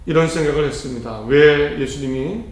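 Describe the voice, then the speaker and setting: A male pastor preaches an earnest sermon, posing rhetorical questions and shifting his emphasis often. His voice is on the high side at a normal speed, with heavy church reverb on the recording.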